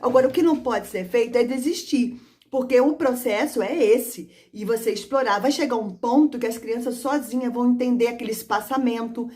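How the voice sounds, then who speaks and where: A woman's voice: a little high, fairly quick, darkish tone. A woman literacy teacher giving practical tips to other teachers, acting out classroom prompts as she explains. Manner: demonstrative, sings and acts out classroom prompts; addresses listeners as "gente".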